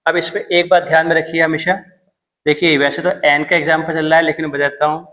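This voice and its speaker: A man's voice: on the high side, level tone, fast, sharp tone, low-quality recording. A man teaching English grammar in Hindi, patiently repeating each point and checking in with "theek hai". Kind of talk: classroom grammar lesson.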